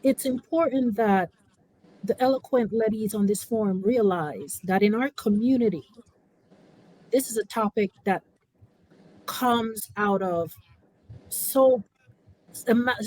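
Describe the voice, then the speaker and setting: A woman's voice: on the high side, takes it slowly, pauses often, a little mellow, rough recording. A woman from California who was raised in Africa, giving impassioned personal testimony as a panel speaker, emphatic and fond of rhetorical tag questions. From born in California, raised in Africa.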